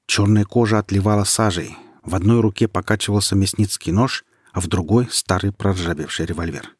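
A male narrator reads an audiobook in a low voice that has a husky grain. His delivery is measured and even. The recording sounds dry, with no room around it. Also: no echo. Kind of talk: scripted narration.

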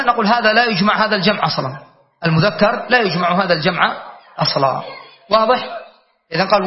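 A man's voice: sits high, slight background noise. A man teaching a classroom grammar lesson as a sheikh, explaining patiently, repeating words and often checking that listeners follow. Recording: dull lo-fi lesson recording.

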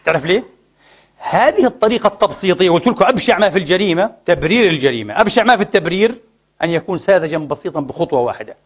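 A middle-aged man preaching a sermon with passion, asking rhetorical questions and swinging between loud and hushed delivery. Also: high voice, lively intonation, rapid-fire.

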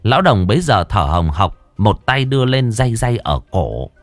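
Playful male comic storyteller, lively delivery. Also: lowish voice, moderate pace, no echo, soft background music. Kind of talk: comic folk-tale narration.

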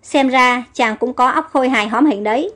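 High-voiced woman narrating a story. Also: a little fast, fairly bright tone. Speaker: story reader. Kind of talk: audiobook narration.

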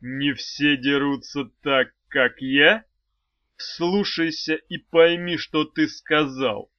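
Man voicing a booming, scolding dark swordsman. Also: measured pace, dry recording, dull audio, lightly acted. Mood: furious. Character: stern proud male swordsman of darkness, quick-tempered. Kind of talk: audiobook character voice.

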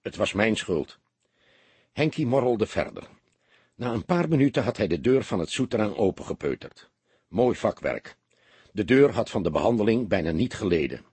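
Husky-voiced male audiobook narrator. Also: fairly low pitch, normal speed, no echo. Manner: expressive storytelling.

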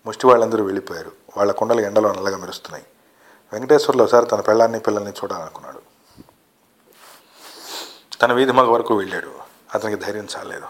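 A man reading a short story aloud as narrator, in a steady, earnest way. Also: on the low side. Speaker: story reader.

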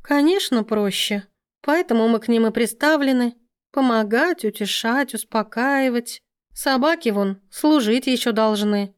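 A woman's voice: a little high, measured pace, clean tone, pitched above the performer's own voice, close to an everyday voice. A woman voicing a wise, mocking female cat who explains people to her companions in a knowing, teasing way.

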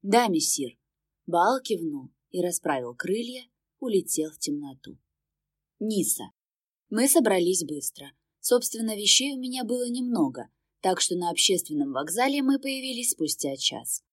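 A woman reading first-person fantasy narration in an even, wry storytelling manner. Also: mid-range voice, normal speed, no room sound, clean studio sound. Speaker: audiobook narrator.

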